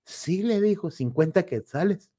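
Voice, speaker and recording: A man with a Guatemalan Spanish accent, co-hosting a casual talk show and telling spooky anecdotes in an animated way, acting out the voices. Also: high-pitched, moderate pace. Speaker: co-host. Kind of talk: casual storytelling chat.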